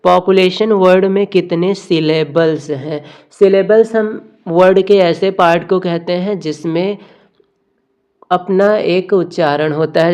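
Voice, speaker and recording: A woman teacher, going through exam questions, reading the slowly and explaining in Hindi. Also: fairly low pitch, darkish tone, smooth. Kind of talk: exam MCQ lesson.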